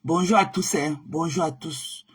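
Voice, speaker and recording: A woman hosting a casual live stream, chatting warmly with viewers and greeting them by name, often repeating herself. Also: low-pitched, measured pace, breathy edge. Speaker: livestream host.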